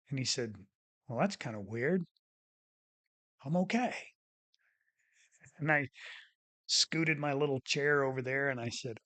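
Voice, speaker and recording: Guy who used to be a doctor telling a story from his clinic, folksy, doing both sides of the back-and-forth. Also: medium pitch. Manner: folksy, re-enacts dialogue with lively voiced quotes. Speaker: former physician turned coach and show host. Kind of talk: storytelling talk.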